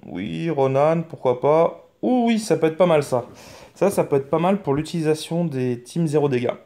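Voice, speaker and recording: A man's voice: on the high side, lively intonation, normal speed, dark tone. A man hosting a mobile game channel, talking through his game in casual commentary, rambling and hesitant, with many fillers, restarts and mild swearing. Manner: mild swearing, frank and offhand.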